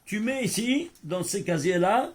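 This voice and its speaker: A man with a notably high-pitched voice teaches a small group in a casual Torah class. He explains in an animated way and often stops to ask if everyone has understood. He sounds like a rabbi among his students. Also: measured pace. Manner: animated explainer who keeps checking if students follow.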